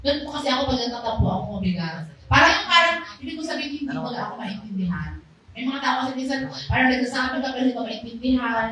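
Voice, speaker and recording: A woman giving a lively, loud testimony to a small church congregation in a casual, animated manner. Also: high-pitched, fast. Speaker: church speaker sharing a testimony. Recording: very echoey hall, voice far off, faint background noise.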